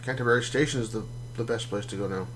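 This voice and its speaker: Man, mid pitch, easygoing game streamer, rambling explanations, faint background hum. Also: fast talker. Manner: relaxed, rambling explanations with many fillers. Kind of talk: casual gameplay commentary.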